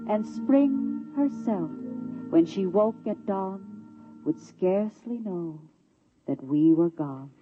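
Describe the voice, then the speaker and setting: A woman reciting verse in a measured, lyrical, solemn manner in a 1950s radio drama. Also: mid-range voice, animated, phone-quality sound. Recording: thin vintage radio, music behind.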